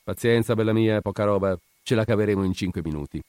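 A man voicing a brisk, impatient doctor who gives curt, clipped orders. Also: fairly low pitch, darkish tone, clear, resonant tone, dry recording, clean studio sound, natural voice. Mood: soothing. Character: middle-aged male doctor, brisk and impatient.

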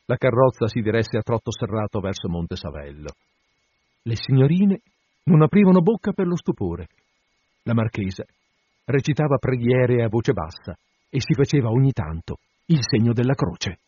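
A man reading a classic short story aloud with expressive storytelling, then commenting on it. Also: mid-range voice, moderate pace, husky, no room sound, dull audio. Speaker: reader.

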